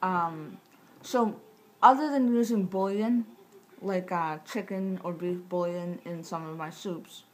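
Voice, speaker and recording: Slow and on the low side, a woman in her thirties talks casually to the camera about getting through surgery recovery. Her tight-jawed speech stems from recent jaw surgery, and she rambles matter-of-factly, interrupting herself along the way. A camera mic about arm's length away captures her in a small indoor living room, with clear room noise behind.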